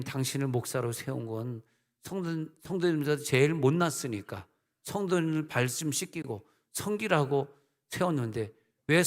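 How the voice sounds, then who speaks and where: A middle-aged male senior pastor preaching a sermon, with emphatic rises and conversational asides. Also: medium pitch. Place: church sanctuary. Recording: long church hall reverb.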